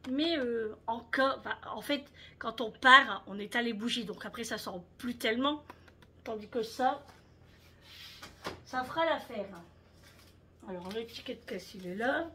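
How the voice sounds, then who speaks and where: A middle-aged woman from France talks through her shopping in a relaxed, rambling vlog, filling gaps with little verbal tics. Her voice sits a touch high and sounds bright and sharp. A faint hiss of noise runs under the home recording. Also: measured pace, pauses often. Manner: chatty, rambling, many fillers and hein. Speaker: vlogger. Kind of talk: casual haul vlog chat.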